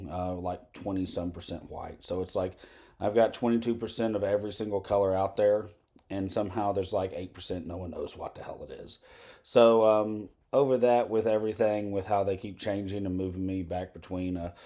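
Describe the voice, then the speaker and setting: Rambling man, low voice. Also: dark tone. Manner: candid, digressive, many fillers and tangents. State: slightly hoarse, throat clearing. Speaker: host of a political commentary show. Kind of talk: rambling unscripted monologue.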